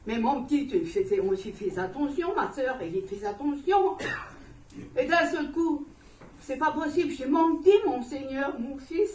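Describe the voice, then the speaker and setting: A woman's voice: sits high, moderate pace, a little mellow, distant mic, slight background noise. A woman giving an emotional, rambling spoken testimony in church, often laughing as she tells it. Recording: echoey room, voice from afar.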